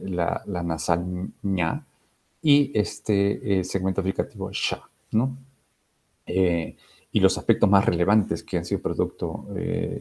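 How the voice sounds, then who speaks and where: Low gravelly man giving an academic talk. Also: warm tone. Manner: hesitant, many fillers and restarts. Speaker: linguistics researcher presenting a conference paper.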